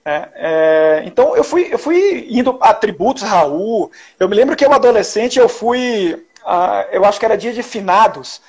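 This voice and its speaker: This journalist from Salvador, Brazil, speaks Bahian Portuguese in an expressive, high voice with a breathy edge, keeping a moderate pace and hardly pausing. As a guest in a casual interview, he tells stories with many restarts and tag questions.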